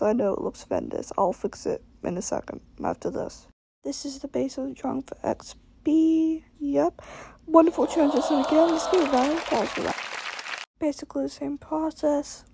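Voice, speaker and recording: A young woman gives a casual voice-over about her drawings, sounding exhausted. Her voice is high and mellow, breaking often into gravelly fry. The recording is close and dry. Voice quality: creaky. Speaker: amateur artist narrating own drawings.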